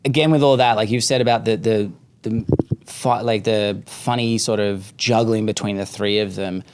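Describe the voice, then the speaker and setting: A man's voice: fairly low pitch, steady tone, moderate pace, noisy background. Casual man hosting a podcast. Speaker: podcast host. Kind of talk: casual chat.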